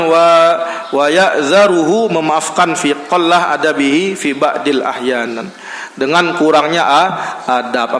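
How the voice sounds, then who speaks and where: A man giving a casual mosque lecture, chatty and acting out small scenes with lively voices. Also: a little high, a little hiss or hum. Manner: conversational, acts out little scenes with lively voices. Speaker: ustaz giving a monthly study lecture. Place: mosque hall. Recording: echoey hall with long reverb.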